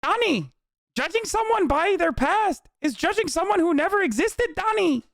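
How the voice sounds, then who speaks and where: A man voicing a lofty male guru who slowly recites a wise saying in a high, sing-song way. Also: expressive, vocal fry, a bit bright, no room sound, studio quality, full character voice. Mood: preachy.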